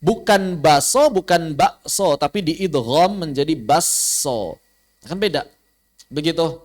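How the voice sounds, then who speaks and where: Male tajwid teacher, fairly high voice, lively lecture with sharp jumps in pitch for emphasis. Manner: explains with many examples, repeating key words; chants Arabic verse slowly. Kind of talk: online Quran recitation lesson.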